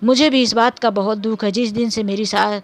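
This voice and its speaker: A woman's voice: medium pitch, fairly even intonation, moderate pace, no echo, lightly acted. A woman voicing a remorseful husband who begs forgiveness, pleading in a read-aloud story.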